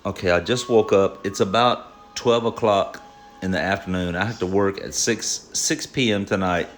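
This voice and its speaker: A man's voice: deep voice, moderate pace, faint music behind. A middle-aged man vlogging at home, rambling and joking, often repeating himself. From United States. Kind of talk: casual home vlog.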